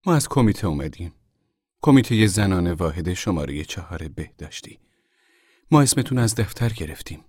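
A man's voice: deep voice, lively intonation, a little mellow, breathy edge, dry recording, clean studio sound. A man voicing a proud, stout woman who chairs a camp committee, speaking formally and weightily as if her words were rehearsed.

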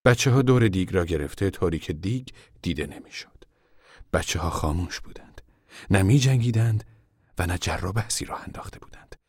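A man narrating a novel in a soft, measured voice that is often hushed. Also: low-pitched, breathy edge, dry recording, studio quality.

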